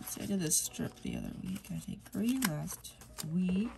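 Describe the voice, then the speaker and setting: Her voice is lowish and gravelly, swinging hugely in pitch at a moderate pace. A young planner vlogger, she chats casually and rambles softly while filling in her planner, sniffly from a cold and sometimes dropping to a whisper as she works.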